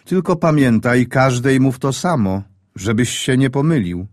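A man voicing a gruff older sailor comrade who speaks in a dry, teasing, low-key way. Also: lively intonation, a little slow, darkish tone, no room sound, close to an everyday voice.

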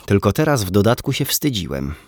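A man's voice: on the low side, big pitch swings, brisk, dry recording, studio quality. A man narrating an audiobook in the first person, reflective and brooding, with a self-mocking edge.

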